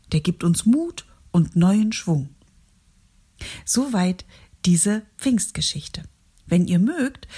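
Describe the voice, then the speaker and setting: Breathy woman telling a children's Bible story. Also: mid-range voice. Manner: gentle, warm reading to children.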